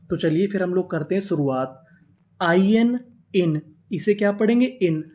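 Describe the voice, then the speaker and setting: A man with a mellow, fairly high voice teaches English reading. He spells each word letter by letter, draws it out slowly and repeats it. He keeps asking his own questions and answering them right away. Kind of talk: spoken lesson.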